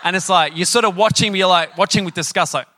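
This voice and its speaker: A middle-aged man preaching a sermon, telling personal stories in a chatty, animated way and often asking the audience questions. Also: high voice, fast talker, a little hiss or hum. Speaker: pastor.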